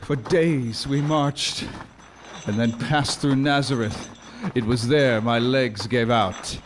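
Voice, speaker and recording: Man acting a solemn, slow-speaking galley slave. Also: medium pitch, background noise, natural voice. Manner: solemn, measured. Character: grim, suffering galley slave recounting his ordeal, vengeful. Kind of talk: dramatic first-person narration. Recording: loud music bed with guitar.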